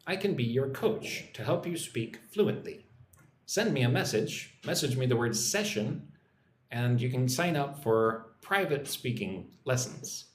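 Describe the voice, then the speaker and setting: With a mid-range voice, lively intonation and an unhurried pace, an American man hosts an informal English-teaching livestream. He chats with viewers, greeting them and reading out and answering their comments. A roomy echo and faint background noise are present.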